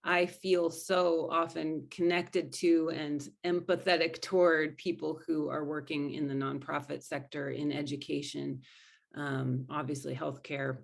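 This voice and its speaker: A woman with a low voice and a gravelly edge talks earnestly as a spiritual coach being interviewed. She is thoughtful and often circles back to rephrase her words. Her delivery is steady and reflective. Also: measured pace. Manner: earnest, thoughtful, with frequent restarts. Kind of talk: conversational interview answers.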